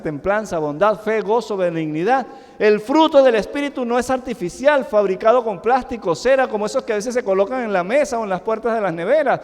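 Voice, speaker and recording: Middle-aged Venezuelan preacher, high lively voice, emphatic sermon, long church reverb. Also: male voice. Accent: Venezuelan Spanish. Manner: emphatic, rising and falling sharply, with rhetorical questions. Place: church sanctuary. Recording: echoing church hall.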